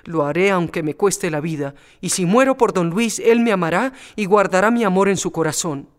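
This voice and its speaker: A man's voice: high-pitched, animated, moderate pace. A man reading a storybook aloud and voicing a young widow torn by love, pleading and impassioned. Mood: despairing.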